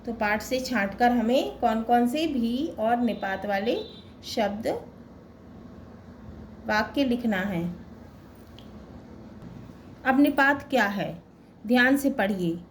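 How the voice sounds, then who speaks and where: A woman's voice: on the high side, slow pace, long pauses, slight background noise. A woman teacher working through a textbook exercise. She reads out each question and its answer, and reads word lists aloud one word at a time. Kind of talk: slow, deliberate textbook lesson.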